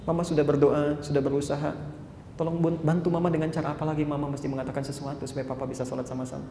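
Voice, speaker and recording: A man voicing a soft pleading wife. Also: little pitch movement, racing, natural voice. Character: pleading gentle wife, middle-aged woman. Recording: echoey hall, faint rumble.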